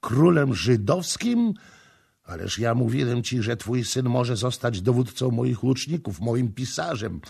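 A man voicing a stern young prince who speaks in a slow, measured, menacing way. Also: medium pitch, vocal fry, darkish tone, slightly rough. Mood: wrathful. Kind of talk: audiobook character voicing.

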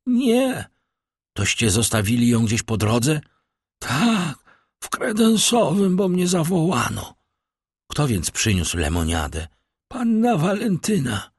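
A man voicing an old male servant who has been poisoned, with a high, strained, wailing voice. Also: wildly swooping pitch, takes it slowly, slightly rough, dry recording, clean studio sound, heavily acted. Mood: faint. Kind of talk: audiobook character voice.

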